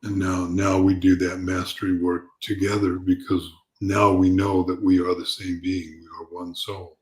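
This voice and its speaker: Male spiritual teacher, low register, calm gentle delivery, reflective and halting, off the cuff. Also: poor audio. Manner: halting, repeats words as he goes. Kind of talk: unscripted spiritual talk.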